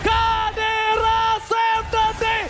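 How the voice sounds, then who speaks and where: Shouting high-pitched Indonesian male fighting game announcer. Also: completely flat delivery, very slow, crowd noise. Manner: shouted, dramatic, stretched-out calls. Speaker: esports match caster. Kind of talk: fighting game announcer, hyped play-by-play commentary. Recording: loud music behind the voice.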